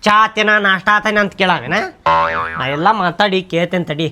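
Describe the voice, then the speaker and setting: A man with a North Karnataka accent in a comedy skit, bantering loudly and scolding with slang insults. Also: high voice, brisk. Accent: North Karnataka Kannada.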